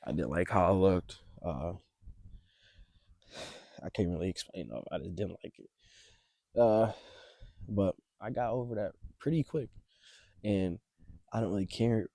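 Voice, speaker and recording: A man's voice: low-pitched, a little slow, creaky, long pauses, dark tone, no room sound. A young man chatting casually to camera in a hesitant, reflective way, outdoors in the cold, his voice shaky from shivering. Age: young adult. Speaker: vlogger. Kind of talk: casual, rambling advice chat to camera. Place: outdoors on a cold, windy, snowy beach.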